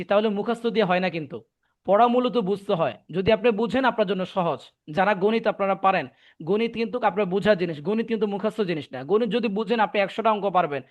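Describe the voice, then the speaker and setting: A man teaching Quran recitation in an online class, patiently repeating points and checking that students understand. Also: high voice. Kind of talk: online tajweed class explanation.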